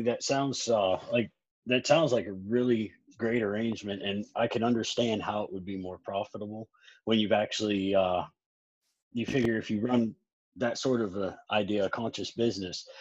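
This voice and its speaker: Male host, low husky voice, relaxed and encouraging, close dry sound. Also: no room sound, lo-fi sound. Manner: laid-back and encouraging. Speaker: podcast host. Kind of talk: casual interview chat.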